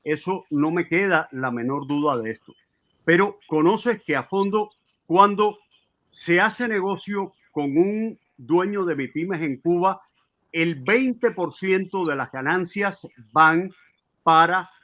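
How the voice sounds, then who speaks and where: A man's voice: high-pitched, takes it slowly, fairly bright tone. A man hosting a debate interview, asking questions in a hesitant way with many filler sounds. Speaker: host.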